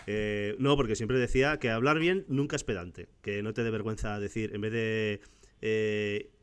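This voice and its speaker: A man's voice: on the low side, steady tone, moderate pace, clean tone. A man from Spain, co-hosting a casual podcast chat, asking questions and quoting others. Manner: chatty, asks questions and quotes others. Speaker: podcast co-host.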